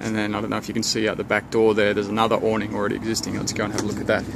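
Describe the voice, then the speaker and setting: A homeowner with a fairly low, monotone voice and some vocal fry thinks aloud about renovations while walking outside his house, under the deck and in the garden. His pace is unhurried, broken by many ums and restarts, and the handheld camera he holds picks up a noisy background.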